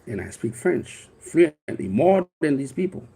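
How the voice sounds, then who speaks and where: This Haitian man in his fifties, a native Haitian Creole speaker with a Haitian accent, works as a life coach and tells a personal story in a rambling, earnest way, often restarting. His voice sits on the high side and is very animated yet unhurried, with a dark, husky tone.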